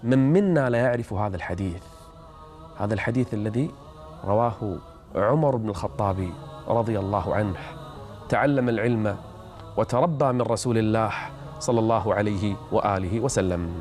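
A man's voice: lowish voice, normal speed, long pauses, a little mellow, faint music behind. A man hosting a religious programme, telling stories and teaching in a scripted lecture style, in formal standard Arabic.

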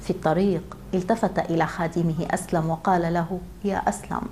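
A woman narrating a moral tale in a measured, solemn storytelling manner. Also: on the low side, steady tone, mellow.

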